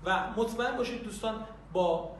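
A man giving an eager promotional pitch for a course, repeatedly calling his listeners dear friends. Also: slight background noise. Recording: echoey room, voice far off.

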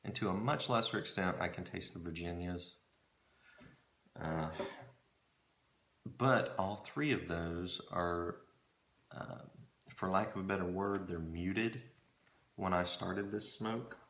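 A middle-aged man chatting casually to camera in a musing, hesitant way, often pausing mid-thought, recorded in a small room at home. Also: sits low, vocal fry, fairly bright tone. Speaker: pipe-smoking hobbyist reviewing tobacco blends. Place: small home storage room with shelves, indoors. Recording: roomy echo from camera mic.

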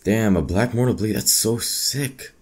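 A young man giving excitable, profane commentary while playing a video game. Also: on the low side, measured pace. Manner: excitable, profane, reacting loudly. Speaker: let's play host. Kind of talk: gaming commentary. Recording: music playing clearly behind. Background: game music.

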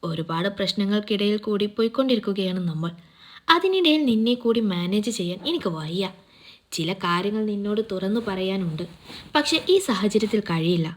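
A woman voicing a stern young husband who speaks in a grave, measured, cool way in a read-aloud story. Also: medium pitch, expressive, lightly acted.

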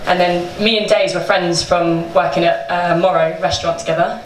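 A woman's voice: on the low side, fairly even intonation, moderate pace. A young woman tells her story casually on stage, chatty and loose, with swearing and laughter running through her words. She speaks into a handheld mic in a small event room full of people, and the sound comes across roomy and from a distance, with room noise behind her. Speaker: bakery co-owner telling its story. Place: small indoor event space with a seated audience. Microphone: handheld microphone.

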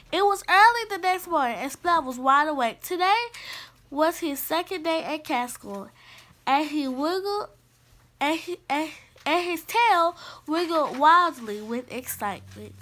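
A woman's voice: extremely high pitch, fairly bright tone. A woman reading a children's picture book aloud, carefully, with small restarts. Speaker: storybook reader.

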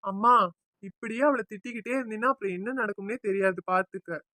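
A woman's voice: medium pitch, fast talker, bright, forceful tone, no room sound, close to an everyday voice. A woman voicing a young husband, tender to his wife and firm with his mother, in a family cartoon. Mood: warning. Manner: warning, insistent, affectionate to wife. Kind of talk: cartoon voice acting.

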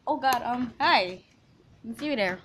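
A woman's voice: fairly high pitch, lively intonation, unhurried, fairly bright tone, a little hiss or hum. A young woman hosting a reaction video, emotional and tearful, gasping and crying as she watches. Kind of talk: casual reaction commentary.

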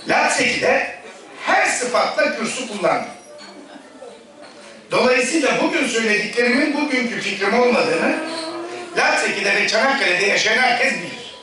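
A man's voice: very high-pitched, lively intonation, normal speed, pauses often, pushed and bright, faint music behind. A middle-aged man giving a formal political speech at a podium microphone, addressing a congress crowd in rhetorical, phrase-by-phrase delivery. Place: large echoey congress hall. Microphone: speaking at a podium microphone. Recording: echoey hall, distant mic, audible room noise.

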